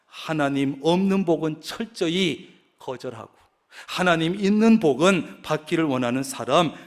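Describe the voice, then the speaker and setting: A male pastor preaching a sermon, telling stories and acting out the voices he quotes. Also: fairly high pitch.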